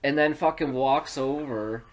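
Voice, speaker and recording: A man's voice: mid-range voice, measured pace. A man, co-hosting a podcast and telling a rambling, profane story in casual chat. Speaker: podcast co-host.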